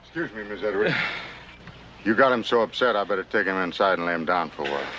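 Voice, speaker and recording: Deep, sly frontier servant. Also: male voice, fast, sharp tone, dull audio, a little hiss or hum. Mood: sly, polite. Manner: politely deferential. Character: sly, deferential frontier manservant. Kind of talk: period western television drama acting.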